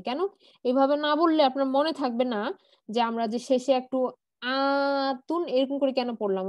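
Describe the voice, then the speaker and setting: A woman's voice: high-pitched, darkish tone, no room sound, clean studio sound. A woman teaching an Arabic grammar class online, patiently repeating word forms and answering her own questions, with English words mixed in.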